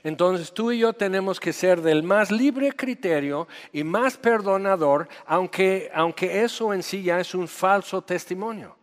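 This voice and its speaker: Gringo pastor preaching, kinda high voice, talks straight and plays out little dialogues, long church hall echo. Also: male voice, measured pace, few pauses. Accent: American. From United States. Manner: direct and conversational, acts out quoted dialogue. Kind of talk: sermon.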